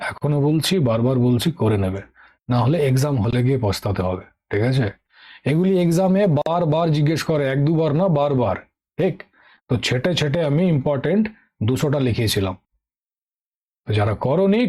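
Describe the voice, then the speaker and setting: A mid-range, animated, warm voice moves a little fast as a middle-aged man teaches an online English vocabulary lesson for exam prep. With a Bengali accent, he's patient, repeats key words, and keeps checking with "ঠিক আছে?".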